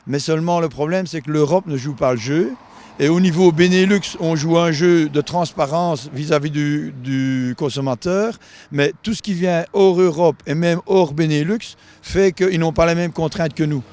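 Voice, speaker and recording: A man's voice: fairly high pitch, normal speed, darkish tone. A man, a farmer speaking in a plain, colloquial way.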